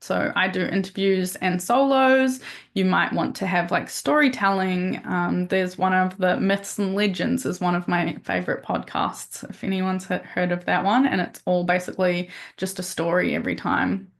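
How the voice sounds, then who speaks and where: A woman's voice: lowish voice, steady tone, normal speed, gravelly. Chatty woman giving a podcast webinar. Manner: chatty, upbeat, loose with fillers and restarts. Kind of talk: casual webinar talk.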